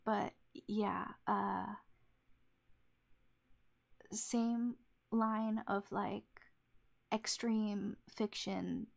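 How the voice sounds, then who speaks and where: Halting, creaky-voiced woman rambling commentary. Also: medium pitch, little pitch movement. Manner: halting, filler-heavy rambling with self-corrections. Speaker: anime reviewer. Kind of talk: casual unscripted commentary.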